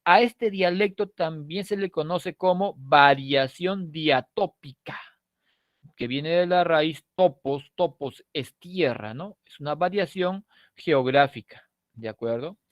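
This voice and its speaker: A man's voice: a little high, slow, no echo, muffled recording. A middle-aged man from Lima with a Peruvian accent, teaching a language class in a chatty, joking way and often ending lines with a questioning tag. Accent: Peruvian Spanish (Lima). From Lima, Peru. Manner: conversational, tags lines with "¿no?", jokes with students. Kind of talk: lecturing to a prep-course class.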